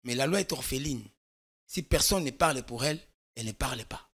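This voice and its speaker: A man's voice: medium pitch, expressive, a little fast, fairly bright tone. A man from Congo, a guest expert on a political talk show, explaining at length with emphasis and frequent restarts. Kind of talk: studio political discussion.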